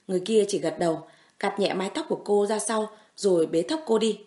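A woman reading a romance audiobook aloud, steady and expressive at a middle pitch. Her narration flows evenly. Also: fairly quick.

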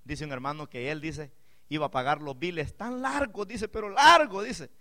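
A male pastor preaching a sermon, moving from chatty asides with the congregation to impassioned, loud exclamations. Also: a little high, normal speed.

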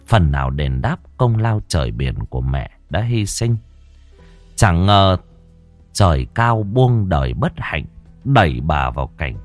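A man's voice: sits low, no room sound. Solemn, dramatic male storyteller. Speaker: narrator. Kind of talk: scripted audiobook narration. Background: soft background music.

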